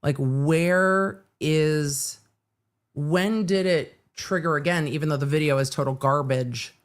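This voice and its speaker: A man with a somewhat high voice comments live on a trial as a streamer. He speaks casually, dropping informal asides to explain things to listeners. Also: takes it slowly. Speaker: livestream commentator.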